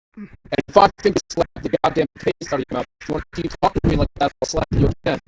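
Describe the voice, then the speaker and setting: A man's voice: fairly high pitch, quick pace, husky, low-quality recording. A man trash-talking in a wrestling promo role-play, boastful and swaggering.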